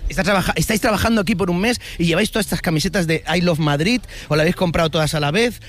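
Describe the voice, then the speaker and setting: A man's voice: high-pitched, a bit bright. A man with a Peninsular Spanish accent, a playful, chatty street reporter interviewing passers-by outdoors. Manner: chatty, playful, quick to joke. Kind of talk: upbeat street vox-pop interviewing.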